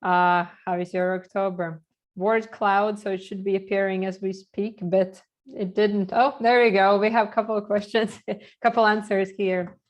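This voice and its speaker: A woman's voice: mid-range voice, fairly even intonation, moderate pace. Latvian woman, young, running an online startup class, lots of uh and yeah, laptop mic. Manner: chatty, filler-heavy, uh and yeah between thoughts. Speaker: guest lecturer. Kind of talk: online workshop presentation.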